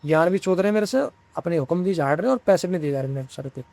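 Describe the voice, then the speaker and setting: Fast-talking blunt young man, high voice. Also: vocal fry, a little mellow. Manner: blunt, profane, heated. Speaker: vlogger. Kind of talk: casual storytelling rant.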